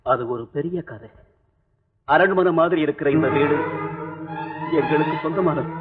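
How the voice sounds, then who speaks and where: An actor voices a desperate captive man in a 1980s film. He pleads in a high voice. Music plays under a thin, tinny soundtrack. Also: unhurried, natural voice.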